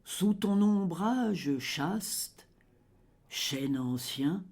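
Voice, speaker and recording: This medium-pitched poetry reading moves at an extremely slow pace, solemn and dramatic yet animated, with a creaky texture. Each line is deliberately measured, and endings frequently drop to a hush.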